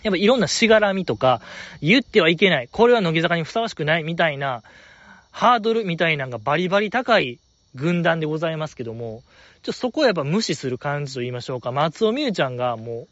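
A man with a Kansai accent rambles through a casual fan-chat podcast, his pitch leaping about with eager enthusiasm. The sound is dull and lo-fi, recorded very dry with no room in it. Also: fairly bright tone, no room sound. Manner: enthusiastic, rambling, lots of fillers. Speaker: podcast host reading listener letters.

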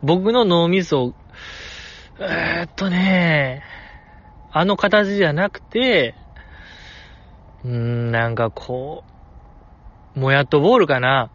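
Man, kansai accent, lively bouncing pitch, somewhat high voice, muffled lo-fi sound, casual outdoor talk. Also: slow pace, long pauses. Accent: Kansai Japanese. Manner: animated, playful, acts out quoted lines. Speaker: host reviewing voice performances. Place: outdoors in the cold.

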